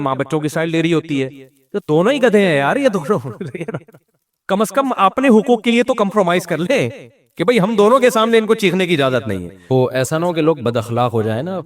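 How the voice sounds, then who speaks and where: A middle-aged man with a Pakistani Urdu accent, giving informal religious advice on raising children, telling stories with joking asides and rhetorical questions. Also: high-pitched. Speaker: Islamic scholar giving advice.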